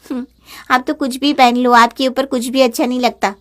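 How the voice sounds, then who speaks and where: Woman doing a bratty mocking teen girl, high voice, taunts nonstop, cartoon story. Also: level tone, normal speed, close to an everyday voice. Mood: taunting. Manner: taunting, insolent. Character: rude, mocking teenage sister-in-law. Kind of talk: animated storybook voice acting.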